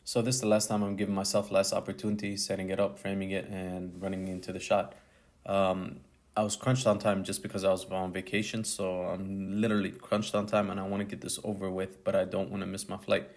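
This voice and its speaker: A man's voice: low-pitched, flat delivery, fairly quick, darkish tone. A male photographer narrating his tutorial video as a voice-over, in a casual, slangy way that sounds like thinking aloud. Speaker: photographer and YouTuber.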